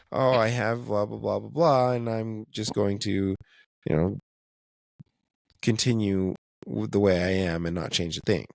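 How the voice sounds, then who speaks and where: A man's voice: on the low side, creaky, no echo, clean studio sound. A man co-hosting a casual faith podcast, talking in a thoughtful, hedging way and laughing often. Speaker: podcast co-host.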